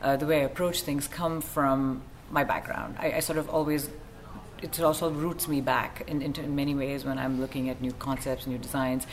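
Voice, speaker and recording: Woman from Kuwait, very low voice, chatty, design firm owner, panel intro. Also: level tone, normal speed, slight background noise. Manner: chatty, self-deprecating, with fillers.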